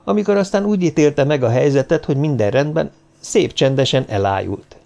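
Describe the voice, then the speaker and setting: A man's voice: on the high side, animated, creaky, warm tone. Man narrating an audiobook.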